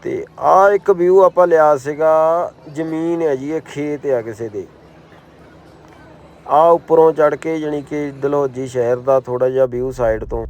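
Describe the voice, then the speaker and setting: Higher-voiced Indian Punjabi man, casual vlogger. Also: steady tone, unhurried, a little mellow. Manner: colloquial, slangy, admiring exclamations. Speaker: travel vlogger. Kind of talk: casual travel vlog narration.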